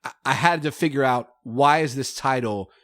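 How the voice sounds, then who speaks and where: A man's voice: medium pitch, moderate pace, fairly bright tone, dry recording, clean studio sound. A middle-aged man, a podcast guest, telling stories in a rambling way full of fillers and laughs. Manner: rambling, filler-heavy storytelling with frequent laughs. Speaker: podcast guest, rapper and author. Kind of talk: casual conversation.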